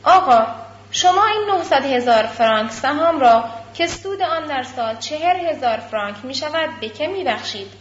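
A woman voicing a methodical male notary who questions in a measured, formal way. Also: high-pitched, expressive. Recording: slightly muffled lo-fi recording.

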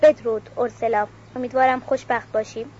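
A woman voicing a calm, stubborn young baron while reading a novel aloud, on a dull recording with faint hiss. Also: fairly high pitch, natural voice. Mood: farewell.

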